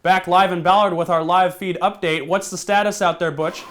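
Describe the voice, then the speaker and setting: Man playing a dry parody news anchor, higher-pitched. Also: fairly even intonation, normal speed, a bit bright, a little hiss or hum. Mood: dry, businesslike. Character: smug, deadpan male parody TV news anchor. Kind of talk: scripted mock newscast.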